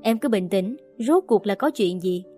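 A woman voicing a calm older-sister figure who tries to settle a quarrel, in an audiobook. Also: mid-range voice, natural voice. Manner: measured, placating. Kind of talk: audiobook character voice. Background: faint background music.

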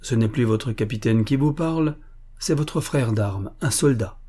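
A man's voice: mid-range voice, unhurried, mellow, husky. A man voicing a young captain of dragoons, speaking formally and earnestly to his men.

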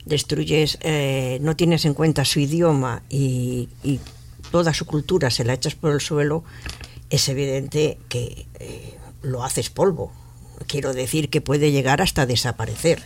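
Woman from Catalonia, radio studio panelist; gravelly, emphatic, hesitant in places. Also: sits low, steady tone, unhurried, darkish tone. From Catalonia, Spain. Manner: earnest, emphatic, with frequent hesitations.

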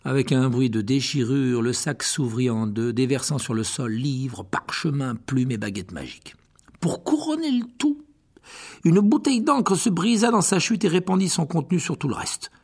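A man reading an audiobook as narrator, in expressive scripted storytelling. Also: medium pitch, normal speed, slightly rough.

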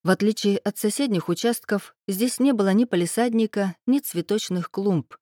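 Audiobook narrator, female, mid-pitched, dry booth sound, reads lively and lifts her voice for dialogue. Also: normal speed, dry recording. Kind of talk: scripted narration with character voices.

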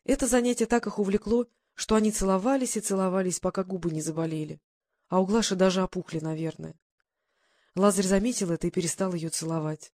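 A calm narrator reading a Russian novel aloud in scripted narration. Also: medium pitch, fast. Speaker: audiobook narrator.

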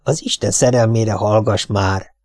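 A man's voice: fairly low pitch, fairly even intonation, darkish tone, no echo, clean studio sound, natural voice. A man voicing a nervous middle-aged husband who coaxes and reassures his wife, in an audiobook. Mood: coaxing. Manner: coaxing, reassuring, plain.

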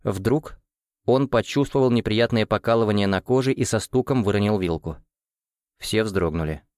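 A man's voice: lowish voice, no echo. Man reading an audiobook in a dry voice. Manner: steady, measured reading. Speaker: audiobook narrator. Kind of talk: scripted narration.

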